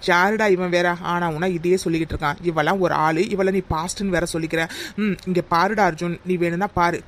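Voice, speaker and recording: A man's voice: sits high, a little hiss or hum, lightly acted. A man doing a hot-headed loyal young friend. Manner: loud, scolding, heated. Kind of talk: cartoon voice acting.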